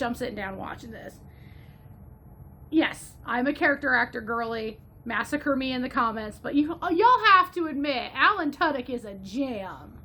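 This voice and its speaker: A woman from Northwest Ohio talks through a movie review in a loose, chatty way. Her voice sits high and sounds sharp and bright. She gushes freely and keeps drifting into a playful mock Southern drawl. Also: creaky, a little hiss or hum. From Northwest Ohio, USA.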